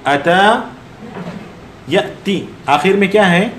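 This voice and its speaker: Higher-voiced man teaching grammar in an echoey room. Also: takes it slowly, fairly bright tone, a little hiss or hum. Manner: quizzes students, corrects patiently. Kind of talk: online Arabic grammar class.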